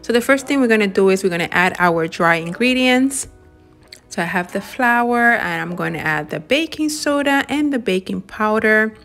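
A woman narrating her home decorating and baking in a gentle, enthusiastic voice-over, walking through each step. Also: mid-range voice. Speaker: home and cooking vlogger.

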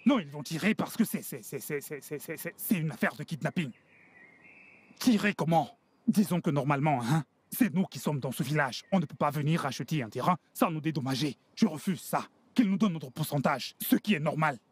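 An actor playing a domineering, indignant street gang boss in a dubbed film drama, scolding emphatically. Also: male voice, on the high side, expressive, brisk, husky, no room sound. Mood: indignant ranting. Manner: scolding, emphatic, repeats himself.

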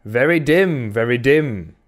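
A man's voice: medium pitch, animated, a little slow, voice pushed up, close to an everyday voice. A man voicing an odd, cryptic, ragged old male sailor in an audiobook, with an insinuating, sing-song and wandering manner. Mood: cryptic, wheedling. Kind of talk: audiobook character voice.

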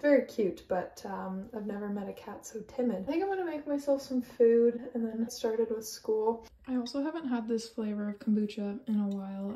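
Filming a daily vlog from a parked car and her home kitchen, a woman in her 20s talks informally to camera in the manner of a student vlogger. She has a medium-pitched, darkish voice, and noise from both settings is audible.

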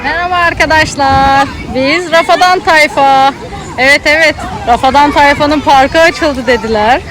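At an outdoor children's theme park, a high-voiced woman with an Istanbul Turkish accent films her child for a vlog, speaking unhurriedly. Her casual commentary shifts between talking to the child and talking to her viewers, while crowd chatter fills the background.

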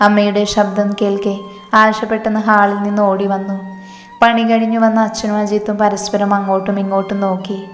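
A woman narrating a story in a steady, level voice that barely rises or falls. The reading rings with room echo and a long reverb tail. Soft music plays underneath. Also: mid-range voice, fairly quick. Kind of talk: scripted narration.

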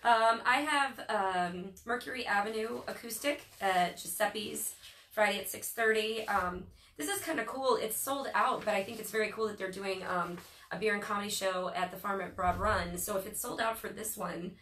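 A woman from Northern Virginia co-hosting a casual live stream, reading event listings in a chatty way with many ums, her voice a little hoarse. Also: mid-range voice, normal speed, fairly bright tone. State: losing her voice. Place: local speed shop, indoors. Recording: echoey room, far from mic, faint noise.

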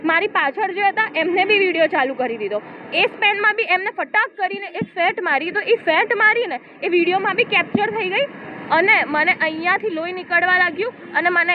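Woman, very high voice, steady retelling of an incident, phone-like sound with faint hiss. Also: brisk. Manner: steady retelling, quotes dialogue. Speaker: complainant giving a statement. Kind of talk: first-person account of an incident. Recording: tinny phone-like audio with faint noise.

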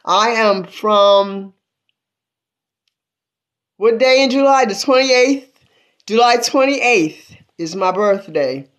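A woman's voice: mid-range voice, lively intonation, slow, pauses often. An 82-year-old woman chatting on a phone livestream from a small room at home, calling out praise and thanks to God between greetings to viewers. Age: 80s. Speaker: livestream host. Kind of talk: casual livestream chat. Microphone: phone at arm's length.

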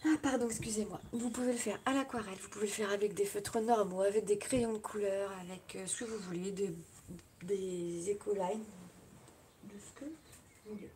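French lady doing a live craft tutorial, chatty, lots of little hop and voila, loud noisy background with clicks. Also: medium pitch, fairly even intonation, normal speed. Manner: chatty, narrates each step with little "hop" and "voilà" asides.

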